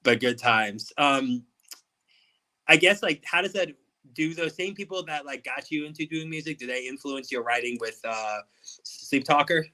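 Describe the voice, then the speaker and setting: A man speaking as an interviewer in a casual music chat, telling things in an animated, emphatic way. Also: mid-range voice, normal speed, low-quality recording.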